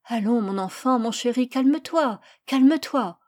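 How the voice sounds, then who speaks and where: Woman doing a mother, storybook, soft, soothing, gentle, fairly high voice. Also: moderate pace, dry recording, studio quality, natural voice.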